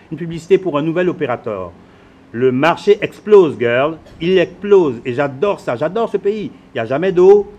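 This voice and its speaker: An actor playing a boastful, hurried Beninese husband with a Beninese French accent who drops English words into his French. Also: fairly high pitch, dull audio. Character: flashy busy Beninese husband, phone-obsessed, self-assured. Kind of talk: theatrical monologue.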